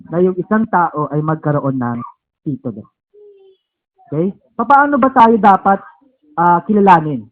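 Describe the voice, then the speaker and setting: A Filipino preacher leads a Bible lesson at a home service. He has a high voice, spells words out slowly and keeps checking in with his listeners. The sound is thin and tinny, like it comes over a phone line. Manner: keeps asking "okay?" and "di ba?".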